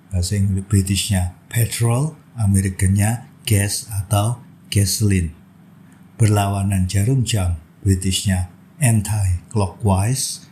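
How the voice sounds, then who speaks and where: A man teaching a vocabulary lesson, reading out word pairs one after another in a slow, steady, patient way. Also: fairly low pitch, a little hiss or hum, rough recording. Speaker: English teacher.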